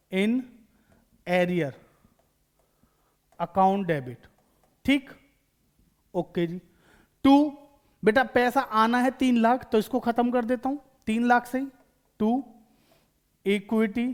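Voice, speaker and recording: In a classroom lecture on accountancy, a man with a very high, smooth voice explains each step, posing questions to the students and answering them himself.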